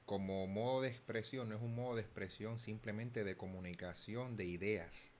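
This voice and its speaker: Young Puerto Rican host, low-pitched, loose talk with many restarts, faint background noise. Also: male voice, steady tone, moderate pace. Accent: Puerto Rican Spanish. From Puerto Rico. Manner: thinking aloud, frequent restarts and repeated words. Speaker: channel host. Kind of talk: casual commentary.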